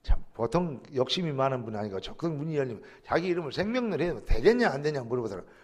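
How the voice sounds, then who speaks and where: A man preaching a sermon as pastor, acting out quoted lines and rising to shouts. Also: mid-range voice, very animated, fast. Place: church sanctuary.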